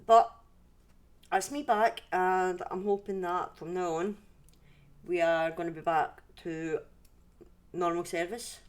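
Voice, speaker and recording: Fairly low in pitch and steady in tone, the woman speaks slowly and pauses often. With her Scottish accent, she hosts a livestream from home, rambling casually through stories and regularly breaking off to rephrase.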